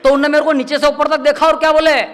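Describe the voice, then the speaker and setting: A man's voice: extremely high pitch, flat delivery, fast, a faint crowd. A man performs as a comic poet on stage. He talks in chatty, self-mocking stories and slips into the voices of the people in them. He speaks into a stage microphone at a live poetry gathering. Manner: chatty storytelling, acts out quoted voices, laughs often. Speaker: stand-up comedic poet. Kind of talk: humorous poetry-stage banter.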